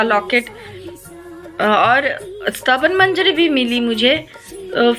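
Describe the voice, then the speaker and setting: A woman vlogger telling her viewers a personal story, slowly and hesitantly, with many pauses, filler sounds and English words mixed in. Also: high voice, bright, forceful tone. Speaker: devotional vlogger.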